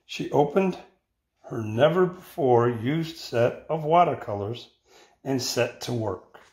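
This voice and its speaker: An older man reads a children's picture book aloud in deliberate phrases, recorded indoors on a phone. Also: mid-range voice, lively intonation, darkish tone. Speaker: storybook reader. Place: indoor room with bare walls. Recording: roomy, echoing home recording.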